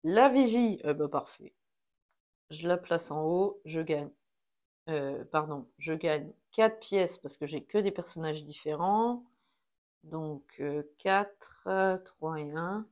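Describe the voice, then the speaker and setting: A woman talking herself through a solo board game, placing cards and counting pieces aloud in a casual running commentary. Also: sits low.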